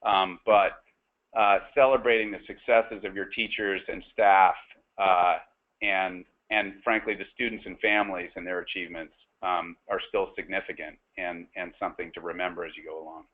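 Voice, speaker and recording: A man's voice: low-pitched, level tone. Man talking over a tinny phone line. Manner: halting, many fillers and restarts. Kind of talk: webinar panel discussion.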